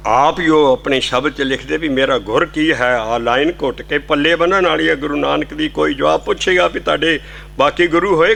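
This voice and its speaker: A man's voice: a little high, creaky, a bit bright. A man giving a devotional sermon, explaining scripture and breaking into sung hymn lines. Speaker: kirtan singer and preacher.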